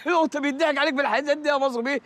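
An actor playing a cheeky, mocking sidekick with an Egyptian accent. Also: male voice, extremely high pitch, steady tone, rapid-fire, fairly bright tone, no room sound. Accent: Egyptian Arabic.

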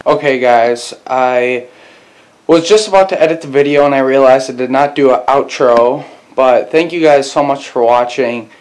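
A man's voice: medium pitch, darkish tone, no echo. Young man coaching on an ice fishing trip. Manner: coaching, upbeat, repeats short cheers. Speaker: outdoors channel host. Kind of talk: casual fishing vlog. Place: small ice fishing shelter on a frozen lake. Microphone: action camera.

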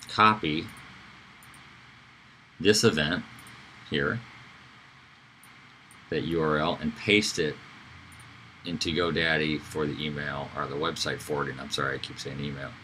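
A man giving a casual screen-recorded software tutorial, talking loosely with fillers and self-corrections. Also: extremely low pitch, slight background noise, rough recording. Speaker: instructor.

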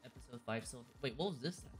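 A woman chatting casually on a game livestream in a giggly, easily excited manner. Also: a bass voice, very fast, soft background music. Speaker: livestreamer playing a shooter game.

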